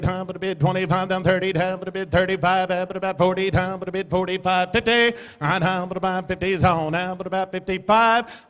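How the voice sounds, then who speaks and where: A man calls auction bids in a rapid, rhythmic chant, his voice high. Between the runs of chant he describes lots to the room. Long reverb from a large hall hangs on his voice. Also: fairly bright tone. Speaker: auctioneer contestant.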